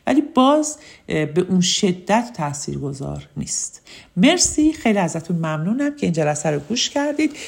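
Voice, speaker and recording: A woman gives a public speaking lesson to her online students. Her voice is fairly low and has a gravelly edge. She talks in a friendly, chatty way, with fillers along the way. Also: darkish tone. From Ramsar, Iran.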